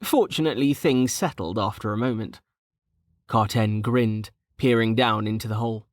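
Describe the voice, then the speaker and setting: A man narrating a fantasy audiobook in a measured, steady storytelling voice. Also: on the low side, no echo, clean studio sound.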